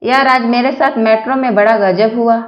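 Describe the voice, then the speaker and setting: A woman's voice: a little high, steady tone, normal speed, lo-fi sound, heavy background noise, close to an everyday voice. Pappu, a woman reading a cheeky young joker. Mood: plain. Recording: roomy echo.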